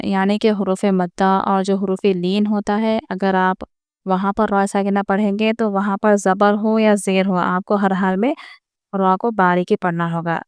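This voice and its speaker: Very clear-voiced woman teaching recitation. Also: medium pitch, darkish tone, no room sound. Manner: patient step-by-step explaining, repeating each point; addresses viewers directly. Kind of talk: online recitation lesson.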